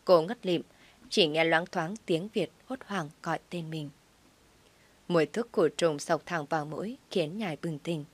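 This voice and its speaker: A woman's voice: deep voice, measured pace, husky. A woman narrating a scripted audio story with an emotive, dramatic reading.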